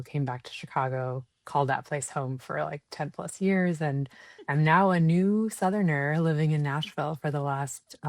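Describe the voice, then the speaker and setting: A woman's voice: deep voice, no echo, clean studio sound. A woman in her thirties, a podcast guest speaking reflectively with many fillers. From United States. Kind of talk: podcast interview.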